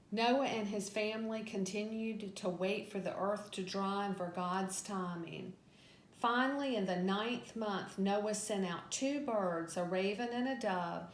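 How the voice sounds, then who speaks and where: A woman with a mid-range voice reads a scripted Bible story as a Sunday school teacher. Her delivery is that of a storyteller working through a narrative. The room is clearly echoey, with faint noise behind her. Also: medium pitch. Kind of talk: reading a scripted Bible story lesson aloud.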